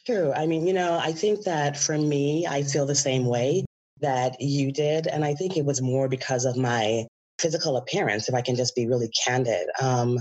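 A woman from the Bahamas, a guest who is an educator and author, speaking candidly and reflectively in an interview, with soft fillers. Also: rumbling low, moderate pace, poor audio.

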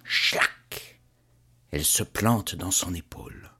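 A man telling a myth aloud in an expressive, measured storytelling voice. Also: sits low, husky. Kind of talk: storytelling narration. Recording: narration over guitar music.

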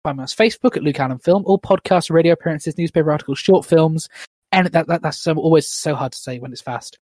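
A man's voice: a little high, fast, a little mellow, no room sound, clean studio sound. A man hosting a podcast in casual chat, rambling and self-deprecating. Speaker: podcast host.

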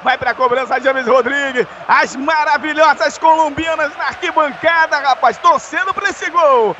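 Brazilian guy doing soccer play-by-play, excited, really high pitched, bit of noise behind him. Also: moderate pace, dull audio. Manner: excited, forceful calling. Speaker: football play-by-play commentator. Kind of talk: radio football commentary.

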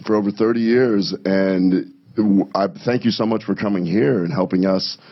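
A man's voice: fairly low pitch, moderate pace. A man co-hosting a casual podcast chat, telling stories and acting out quotes with energy. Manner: animated storyteller, acts out quotes. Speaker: podcast co-host. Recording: dull lo-fi sound.

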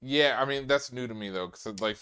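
A man's voice: medium pitch, fairly quick, pushed and bright, clear, resonant tone. A man from New York in casual podcast chat, rambling with lots of filler and swearing.

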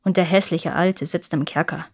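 A woman's voice: fairly low pitch, moderate pace, vocal fry, no echo, pitched below the performer's own voice. A chatty palace guard from a storybook, dreamy and gossipy, passing on news in a confiding tone, as a woman reads him. The recording is close and dry.

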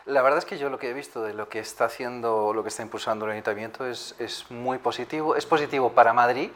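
Man from Galicia, interview guest, measured, agreeable, middle pitch, restarts his phrases. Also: fairly bright tone. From Galicia, Spain. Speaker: hotel executive and tourism entrepreneur. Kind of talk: conversational interview.

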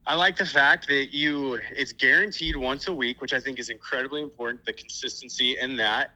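Man over speakerphone, very bright sharp voice, upbeat casual phone chat, outdoors on a walk. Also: medium pitch, brisk, rough recording. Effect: heard over a phone on speakerphone. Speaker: podcast guest on a phone call.

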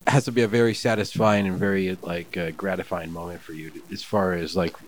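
A man's voice: sits low, steady tone, brisk, low-quality recording. A man co-hosting a casual conversation, joking around and reading aloud from a book. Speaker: co-host.

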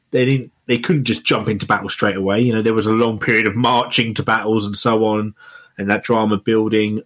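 A man, hosting a podcast and reviewing a film in rambling casual chat full of fillers. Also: lowish voice. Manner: rambling, many fillers and restarts. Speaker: podcast co-host reviewing films.

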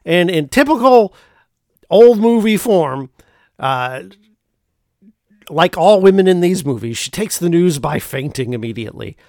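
A man with a slightly high voice talks in a very dry, close recording. He recounts things casually, in a halting, rambling way, like a host walking listeners through a story. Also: lively intonation, a little mellow, dry recording. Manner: halting, rambling delivery with pauses mid-phrase. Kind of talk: casual film plot recap.

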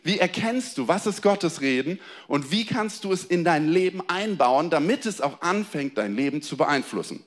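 A young man preaching a sermon to a congregation, shifting between soft, low emphasis and raised, excited lines, asking for amens and applause. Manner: addresses the congregation directly, calls for amen and applause. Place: church hall before a congregation.

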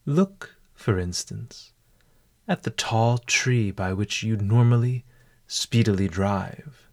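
A man leading a guided walking meditation in a calm, deliberate, measured way. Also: on the low side.

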